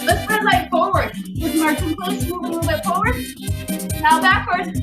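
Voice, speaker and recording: A woman's voice: extremely high pitch, normal speed. A woman teaching a dance class, counting beats and calling out steps in an encouraging way. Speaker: dance instructor. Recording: roomy, distant mic over loud music.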